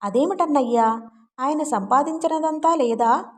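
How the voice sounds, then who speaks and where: A woman voicing a hurt, simple-hearted young wife who talks in a soft, plaintive way, in a story read aloud. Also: high voice, a little slow, voice pushed up. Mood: earnest.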